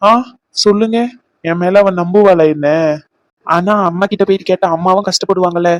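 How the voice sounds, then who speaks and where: An insistent, devoted young man in a cartoon , voiced by a man, pressing hard for answers. His voice is high and the sound is dry and close. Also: steady tone, a little fast, dry recording, natural voice. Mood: upset. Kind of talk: cartoon voice acting.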